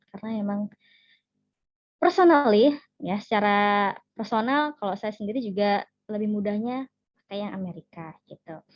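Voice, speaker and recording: A woman's voice: mid-range voice, no room sound. Friendly Indonesian woman English teacher. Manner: friendly, mixes English with Indonesian, laughs often. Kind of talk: online class teaching. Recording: dull, dry lo-fi sound.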